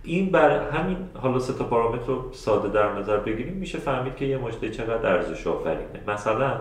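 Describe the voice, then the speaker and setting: A man running a live webinar class, with a somewhat low voice, speaks in a loose, chatty way full of filler sounds and restarts. He turns straight to his listeners to take their questions. His computer mic picks up a strongly echoing room. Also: animated. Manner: addresses the audience directly and answers their questions. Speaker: webinar instructor. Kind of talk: live online teaching. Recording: very echoey room.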